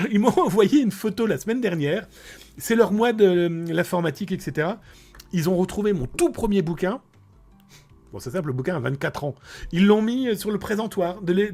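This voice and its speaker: A middle-aged man from France hosts a relaxed live stream, chatting warmly with his viewers and thanking them one by one. His voice sits a little high and has a gravelly, creaky edge. He laughs easily and keeps a loose, friendly flow of talk. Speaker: streamer reading viewer chat. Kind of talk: casual live-stream chat.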